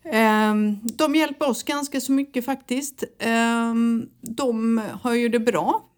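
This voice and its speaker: Casually chatting as a podcast co-host, a middle-aged woman tells lively stories and laughs frequently. Her voice sits a little high and keeps a steady tone.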